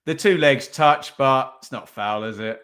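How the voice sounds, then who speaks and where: In an unhurried, mid-range voice with a fairly bright tone, a male podcast host watches a football match along with listeners, chatting casually, thinking aloud and using tag questions.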